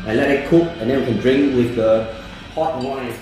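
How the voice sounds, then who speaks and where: A man's voice: mid-range voice, moderate pace. A man in his forties making a casual food vlog at a restaurant table, talking in simple broken English while he eats. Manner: talks with his mouth full, simple broken English, mixing in Vietnamese. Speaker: vlogger. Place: small private room in a restaurant, indoors. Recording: echoey room with music playing.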